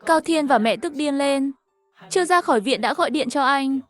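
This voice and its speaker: High-voiced woman narrating a cartoon. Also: expressive, moderate pace. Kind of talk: dubbed cartoon story narration. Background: faint music.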